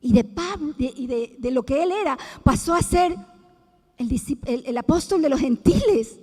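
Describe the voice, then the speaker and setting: Middle-aged woman, fervent church testimony, high voice, long church-hall echo. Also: expressive, moderate pace, darkish tone. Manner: emphatic, preacherly, repeats and restarts. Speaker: church member giving testimony. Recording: echoey church hall reverb.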